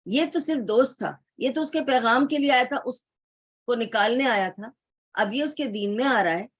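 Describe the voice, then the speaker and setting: A woman lecturer tells a religious story in a calm, explanatory way and speaks straight to her listeners. She drops English words into her speech. The recording is dry and close, with no room sound. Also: fairly high pitch, no echo. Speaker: Islamic studies lecturer.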